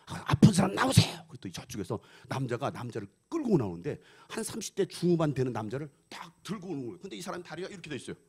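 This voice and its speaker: A man preaching a revival sermon in a church, telling a testimony with lively acted-out quotes. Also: medium pitch, very fast, hardly any pauses, husky. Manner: animated storytelling, acting out quotes. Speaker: pastor. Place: church sanctuary.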